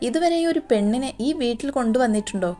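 A woman's voice: on the high side, expressive, quick pace, mellow, soft background music, lightly acted. Woman voicing a cheeky teasing little sister. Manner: teasing, mocking banter.

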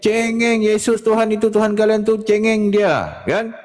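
A man on a discussion panel, talking in a mocking, animated way and laughing at his own jokes. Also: high-pitched, normal speed. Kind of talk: mocking live religious debate talk. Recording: hall reverb.

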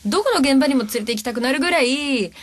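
Cheerful woman, lively pitch. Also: fast talker, no echo. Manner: cheerful, laughs often, playful. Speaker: voice actress in a talk session. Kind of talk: casual chat.

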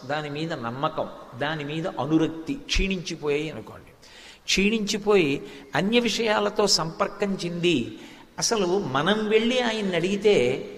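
A man's voice: sits high, fairly bright tone. An older man giving a devotional discourse from a stage, telling stories and quoting Sanskrit verses. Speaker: religious discourse speaker. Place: stage in a large hall. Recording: long hall reverb.

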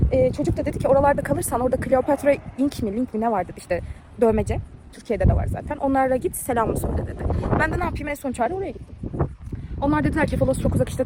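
A woman vlogging about a trip, telling a mishap story in a lively way and acting out what people said. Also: high voice, background noise. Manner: animated, tells a mishap story with quoted dialogue. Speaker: travel vlogger. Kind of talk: casual travel vlog storytelling.

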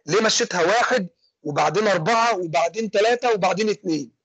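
A young man with an Egyptian accent teaching an engineering class online. He talks fast and keeps asking questions and then answering them himself. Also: high-pitched, a bit bright, husky, no echo. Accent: Egyptian Arabic. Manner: fast, asks and answers his own questions. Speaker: engineering lecturer. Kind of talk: online lecture with student questions.

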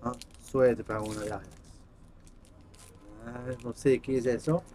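A man in his thirties, a native German speaker with a German accent, chatting casually in halting, simple non-native Spanish as a vlog host. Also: medium pitch, fairly even intonation, dark tone, a little hiss or hum. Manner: halting, simple broken phrasing. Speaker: host of a card-opening channel. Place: small room indoors.

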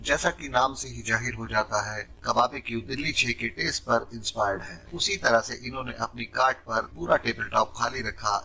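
A man's voice: mid-range voice, vocal fry, pushed and bright, rough recording. A man narrating a promotional voice-over for his street food cart business, addressing viewers as friends and urging them to get in touch. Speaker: host and food cart maker.

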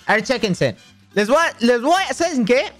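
A man's voice: very high-pitched, sing-song, normal speed, a bit bright, faint music behind. A young man with a Mexican accent, livestreaming a game in a boastful, joking way, swearing constantly. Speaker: streamer. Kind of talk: casual gaming livestream.

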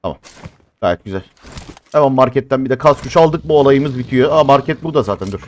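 A man's voice: mid-range voice, lively intonation, quick pace, a little hiss or hum. A man giving casual live commentary on a mobile shooter game, grumbling to himself and flaring into exasperated outbursts.

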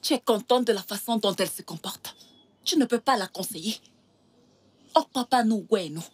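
A middle-aged woman dubbing a stern village mother who scolds her daughter and shouts in exasperation, in a French film dub. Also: medium pitch, lively intonation, moderate pace, husky, dry recording. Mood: scolding. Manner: scolding, loud outbursts. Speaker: dubbing actor.

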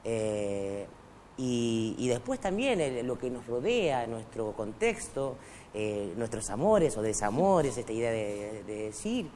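Speaking slowly in a sing-song, slightly mellow medium-pitched voice, this guest writer chats casually in a TV studio, full of fillers and restarts. He is middle-aged, from Argentina but raised in Bolivia, with Quechua as his first language, and a lapel mic catches slight background noise.

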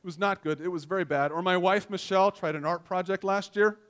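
A man in his forties delivers a sermon from a church stage, his voice sitting noticeably high for a man. He keeps it conversational and self-deprecating, telling homely stories between points. The sound is close and clean from a headset mic. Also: fairly even intonation, fast talker, a bit bright. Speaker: pastor.

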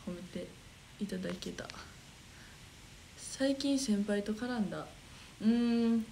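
A young woman with a Kansai accent chats casually into her phone on a livestream, reading viewer comments aloud. Her voice sits at a middle pitch, and she giggles often and mutters as she hunts for the next message. A faint hum of room noise is heard behind her. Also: slow pace, creaky. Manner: chatty, giggly, mutters while searching comments. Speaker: idol livestream host.

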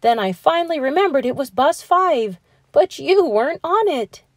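A woman voicing an affectionate, excitable female schoolteacher in a children's storybook, effusive and exclaiming. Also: a little high, measured pace, no room sound, clean studio sound. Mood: excited, relieved. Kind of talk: children's storybook character reading.

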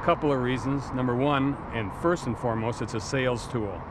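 A man's voice: medium pitch, brisk. A middle-aged man giving blunt, emphatic business advice in an outdoor interview on a waterfront pier. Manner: blunt, emphatic, repeats words. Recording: outdoor traffic noise behind.

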